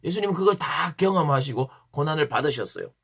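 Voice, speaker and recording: A man's voice: fairly high pitch, animated, quick pace, fairly bright tone, breathy edge. A man giving an earnest devotional Bible talk to teenagers as a youth pastor, stressing points by repeating key phrases.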